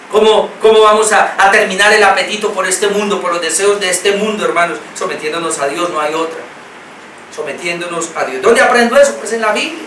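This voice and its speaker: A man's voice: sits high, pushed and bright, a little hiss or hum. A Colombian man preaching a sermon as pastor, earnest and repetitive, reading scripture aloud and stressing key words. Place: church hall. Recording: echoey hall, mic at a distance.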